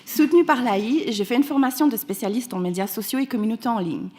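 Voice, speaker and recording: A woman's voice: fairly high pitch, fast talker, darkish tone. A woman from Canada giving a conference talk as a patient advocate, speaking earnestly and with emphasis, often restarting her phrases. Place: conference hall.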